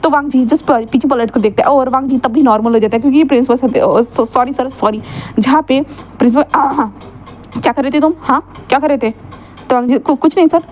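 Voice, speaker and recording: Fast, high-voiced woman storyteller. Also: a little mellow, a little hiss or hum. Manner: casual, filler-heavy retelling. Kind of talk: fan-fiction story narration with quoted dialogue.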